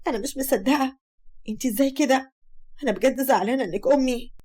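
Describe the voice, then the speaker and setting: A woman's voice: high voice, quick pace, darkish tone. A woman with an Egyptian accent voicing a defiant, hurt young woman who speaks indignantly. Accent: Egyptian Arabic.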